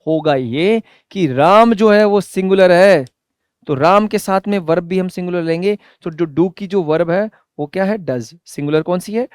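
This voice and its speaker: A man teaching an English grammar lesson, loud and energetic, asking questions and answering them himself. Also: sits high, clean tone, no echo, studio quality. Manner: drills example sentences slowly word by word. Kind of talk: classroom lesson.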